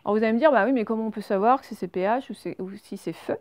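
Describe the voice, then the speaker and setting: Une enseignante qui fait une leçon d'orthographe pour enfants, lente et patiente, qui répète chaque mot deux fois. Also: female voice, fairly high pitch, darkish tone. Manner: slow, patient, repeats each word twice. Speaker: teacher. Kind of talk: spelling lesson read to children.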